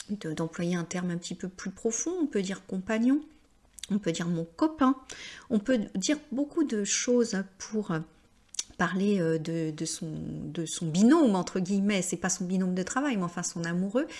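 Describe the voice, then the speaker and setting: A woman giving a patient language lesson, explaining step by step and often pausing with hesitations. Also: medium pitch, a little mellow. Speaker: French teacher.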